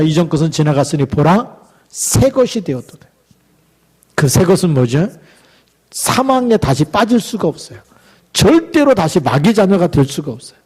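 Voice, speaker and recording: A middle-aged male pastor delivering a sermon, exhorting the congregation with rhetorical questions and reading scripture aloud slowly for emphasis. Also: high voice, darkish tone.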